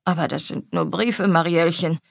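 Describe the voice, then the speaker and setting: A woman voicing a stout, older female cook who is bossy but motherly, fussing and scolding warmly. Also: fairly low pitch, fairly even intonation, normal speed, gravelly, dry recording, clean studio sound.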